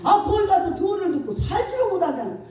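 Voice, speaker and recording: At a revival meeting in a church prayer house, a woman pastor preaches a sermon built around her personal testimony, speaking fast in a very high voice. She tells it animatedly, acting out voices and laughing often. The recording is distant and echoey.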